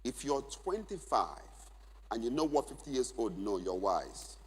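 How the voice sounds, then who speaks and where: A man's voice: mid-range voice, big pitch swings, a little slow, slightly rough. Emphatic man preaching in a reverberant hall. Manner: emphatic, repeats key phrases for note-taking. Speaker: conference speaker. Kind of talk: church conference teaching. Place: large church hall.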